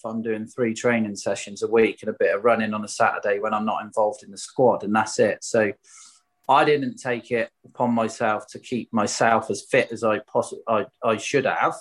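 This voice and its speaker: A man from Swindon with a Wiltshire accent, a former footballer telling stories in a casual interview, candid, colloquial and questioning himself. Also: medium pitch. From Swindon, England. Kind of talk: casual anecdotal interview chat.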